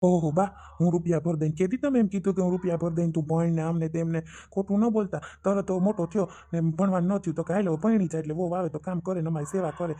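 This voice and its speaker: An exasperated grown son, played by a man, argues back at his mother in a Kathiawadi Gujarati accent. He talks fast in a slightly raised but mellow voice, sarcastic and indignant, in a family comedy skit. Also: high-pitched, fairly even intonation. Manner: indignant, sarcastic, rapid arguing.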